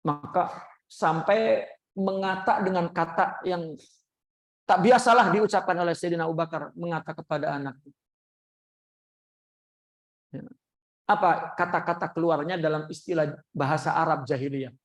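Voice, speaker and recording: A man's voice: moderate pace, pauses often. A man teaching a religious class, telling a story and acting out the voices of its people. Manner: lively storyteller acting out quoted voices with big pitch jumps. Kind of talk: sermon storytelling.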